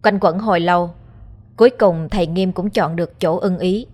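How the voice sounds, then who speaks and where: Low-voiced woman telling a ghost story. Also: normal speed, darkish tone. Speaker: narrator. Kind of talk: scripted ghost story narration.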